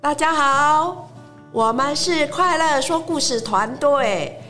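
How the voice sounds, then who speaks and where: An older woman, a volunteer storyteller, speaking friendly and unhurried. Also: high-pitched, lively intonation, sharp tone, faint music behind.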